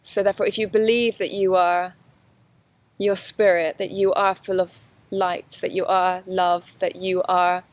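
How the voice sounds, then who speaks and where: A woman's voice: fairly low pitch, flat delivery, unhurried, no echo. A woman giving a spiritual course lesson outdoors in a forest, talking earnestly to the camera in a flowing way with frequent restarts. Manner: earnest, flowing, with many restarts and soft laughs. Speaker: spiritual teacher. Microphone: camera facing the speaker.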